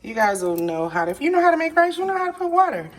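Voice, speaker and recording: A woman with a high, very animated voice talks rapid-fire while hosting a casual home cooking video, thinking aloud as she cooks one-handed. She comes from a Haitian family background and is demonstrating a recipe in her home kitchen, where a tap is running and background noise is audible.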